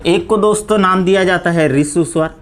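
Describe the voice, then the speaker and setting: A man's voice: sits high, normal speed, fairly bright tone. Man teaching a live grammar class. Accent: Rajasthani Hindi. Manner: asks questions then answers them himself; repeats "दोस्तों" often.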